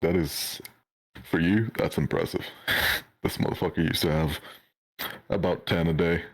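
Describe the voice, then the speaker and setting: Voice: low-pitched, unhurried, rough recording. A tabletop game streamer chatting casually in a sweary, teasing way. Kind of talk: casual chat.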